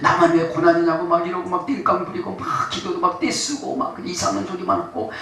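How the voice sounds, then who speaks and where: A man's voice: on the high side, very animated, a little fast, pushed and bright, slight background noise. A male pastor preaching a sermon, constantly checking in with the congregation through short questions and rhetorical prompts. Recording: very echoey room, mic far off.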